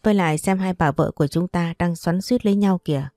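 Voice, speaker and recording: A woman's voice: on the low side, fast talker, dark tone, no room sound, studio quality, natural voice. A woman voicing a cheeky young man who jokes and boasts in a storybook. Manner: jokey, boastful.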